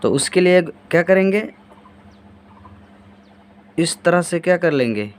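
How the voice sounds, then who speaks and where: Higher-voiced man teaching handwriting. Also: expressive, takes it slowly. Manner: answers his own repeated questions while demonstrating. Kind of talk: step-by-step writing lesson.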